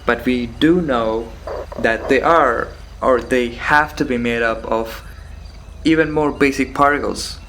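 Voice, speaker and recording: Guy rambling philosophically by himself, halting and musing, mid pitch, faint noise with crickets behind him. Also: a bit bright. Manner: musing, halting, rhetorical questions and repeated phrases. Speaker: solo host of a philosophical talk. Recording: background noise with insect and cricket sounds.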